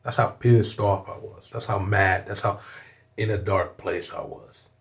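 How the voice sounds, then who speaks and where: A man's voice: fairly low pitch, darkish tone. A young adult man from Southern California, a rapper guesting on a podcast, who tells a personal story in a candid, emphatic way, swearing often and repeating "you know what I'm saying".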